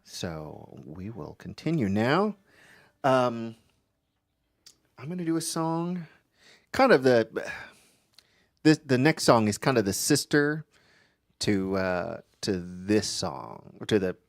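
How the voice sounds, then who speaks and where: A man's voice: mid-range voice, big pitch swings, slow, vocal fry, pauses often. A man who performs at an open mic, chatting casually between songs and rambling with many fillers and restarts. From Maryland area, USA.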